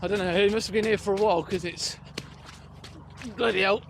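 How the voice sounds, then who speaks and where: High-voiced British man talking while running outdoors. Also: fairly even intonation, fairly quick, gravelly, a bit bright. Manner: hesitant, rambling, thinking aloud. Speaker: running vlogger. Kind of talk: casual unscripted vlog chat. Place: outdoors on a rural riverside footpath. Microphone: handheld phone or recorder on the move. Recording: noisy outdoor handheld recording, clicks.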